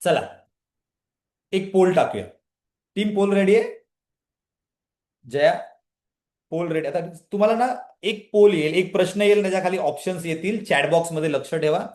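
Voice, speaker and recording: In a reverberant room, a trainer with a high voice talks at a normal speed and pauses often. He's hosting a live online women's empowerment session, delivering an energetic motivational talk, questioning listeners, and frequently asking them to answer in the chat.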